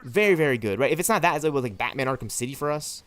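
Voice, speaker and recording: 20s guy streaming games, talks super fast, rambly and fired up, keeps saying right? to chat. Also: medium pitch, lively intonation, fairly bright tone. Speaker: game streamer. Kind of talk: livestream chat with viewers.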